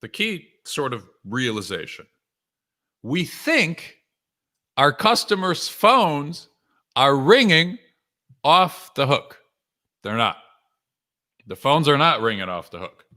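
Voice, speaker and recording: Very animated yet slow, with long pauses, a man with a slightly high, sharp voice hosts a live webinar as a sales coach and author. His talk to viewers is conversational, made of punchy short phrases and many rhetorical questions.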